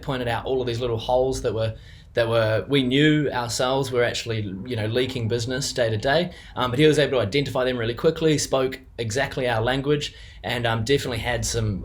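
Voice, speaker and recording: Speaking at medium pitch, this young Kiwi business co-owner offers an off-the-cuff testimonial for a client, full of fillers, hesitations, and false starts.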